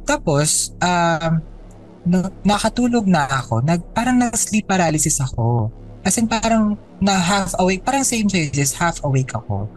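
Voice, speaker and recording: A woman, co-hosting a podcast, telling a spooky personal story in a chatty, animated way and mixing in English. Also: fairly low pitch, unhurried, a little hiss or hum, low-quality recording. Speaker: podcast co-host. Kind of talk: casual storytelling chat. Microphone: podcast microphone.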